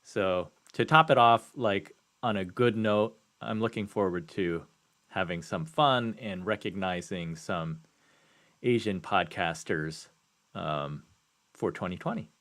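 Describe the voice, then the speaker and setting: A man's voice: deep voice, takes it slowly, fairly bright tone. A man co-hosting a live podcast, talking in an easygoing, friendly way and laughing at his own slips. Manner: easygoing, amiable, laughs at himself. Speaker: podcast co-host. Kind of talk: casual live-stream chat.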